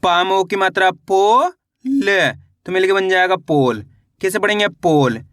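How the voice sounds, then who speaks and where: Man, reading teacher, high and bright voice, dry close sound, sounds out syllables slowly and deliberately. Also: dry recording. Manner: slow and deliberate, sounding out syllables then repeating each word. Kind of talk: spelled-out reading lesson.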